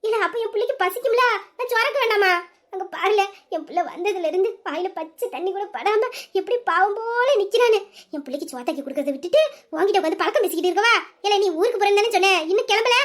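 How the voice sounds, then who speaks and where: Doting, bossy village mother, played by a woman. Shrill, rapid voice. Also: lively intonation. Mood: fussing. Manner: fussy and sentimental, gives orders quickly. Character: doting village mother, fussing over her favourite son.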